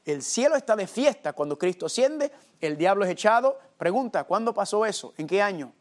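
A man with a high-pitched voice delivers a teaching sermon. He speaks to his listeners as family and keeps checking in with rhetorical questions. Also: expressive, fairly quick. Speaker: preacher. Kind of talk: sermon, Bible study teaching.

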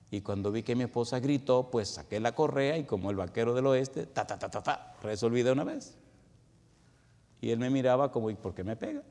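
Middle-aged male preacher, fervent storytelling sermon, mid-pitched voice, long hall reverb. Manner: dramatic storytelling, hushed asides and loud fervent pleas.

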